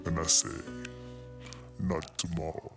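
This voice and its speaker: An anonymous contestant telling a short anecdote through a disguised, altered voice pushed very low. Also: completely flat delivery, slow pace, music in the background. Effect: disguised voice, pitched very low.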